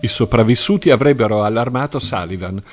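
Expressive male audiobook narrator with a tense delivery, music bed behind. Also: mid-range voice, a little fast.

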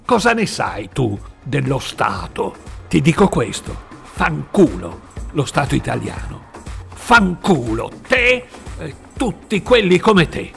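A man voicing an angry older Italian work boss who shouts and bullies, in a spoken audiobook. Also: medium pitch, lively intonation, measured pace, gravelly, faint music behind. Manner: shouting, bullying. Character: furious older Italian boss of a logging job.

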